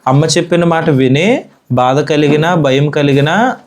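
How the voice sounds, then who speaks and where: In a church classroom, a Sunday school teacher from India leads a Bible lesson for children, speaking in a mid-range voice at a somewhat slow pace. Questions go to the kids, and the teacher echoes back what they say.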